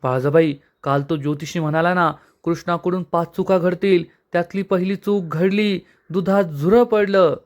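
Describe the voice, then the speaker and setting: A man voicing a dramatic older aunt-in-law who loudly accuses and scolds her young relative. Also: high-pitched, steady tone, moderate pace, few pauses, natural voice. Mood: scolding. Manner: loud, accusing, theatrical.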